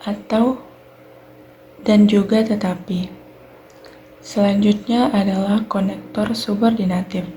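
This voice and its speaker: A woman's voice: medium pitch, dark tone, a little hiss or hum. Young Indonesian woman explaining grammar. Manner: clear explanatory delivery, fillers like "nah" and "baik". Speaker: university student presenting. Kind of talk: recorded class presentation.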